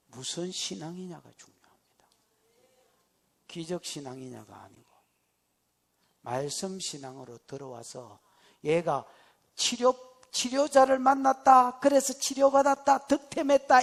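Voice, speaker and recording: A pastor preaching a sermon in a church, swinging dramatically between shouting and hushed whispers. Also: male voice, high voice. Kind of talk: expository sermon. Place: church sanctuary. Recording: reverberant church hall.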